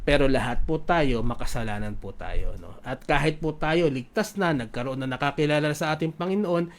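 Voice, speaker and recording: A man's voice: on the high side, lively intonation, a little fast. Filipino man preaching in Taglish. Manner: Taglish preaching with frequent tag questions, reads scripture aloud. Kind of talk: sermon.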